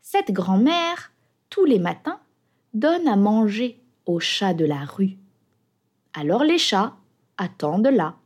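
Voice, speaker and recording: Slow, lively woman telling a children's story. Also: mid-range voice. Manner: clear, deliberate, playful sound effects.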